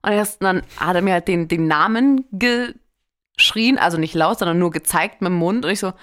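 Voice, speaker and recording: A woman's voice: fairly low pitch, a little fast, a bit bright. A young woman co-hosting a podcast, telling a party story in blunt, slangy casual chat and laughing often. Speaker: podcast co-host.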